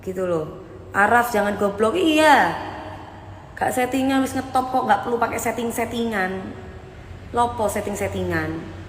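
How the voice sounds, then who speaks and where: A woman's voice: a little high, a bit bright, roomy sound, in a large hall, slight background noise. A woman, hosting a casual live stream and bluntly scolding viewers as she answers their comments. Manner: blunt, scolding, mixes Javanese into Indonesian.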